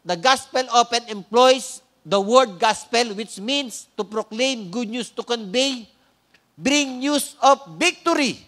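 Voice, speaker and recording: A man with a Filipino accent preaching a sermon, often asking the congregation "Amen?" and slowing down to stress key words, with light joking asides. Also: very high voice, pushed and bright. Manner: frequent "Amen?" prompts to the congregation. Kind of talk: sermon with opening prayer.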